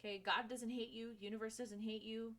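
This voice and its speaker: A woman's voice: a little high, flat delivery, a little fast, a bit bright. A woman giving a casual tarot reading, speaking frankly to the viewer and swearing freely. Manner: chatty, talks to viewer directly. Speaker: tarot reader.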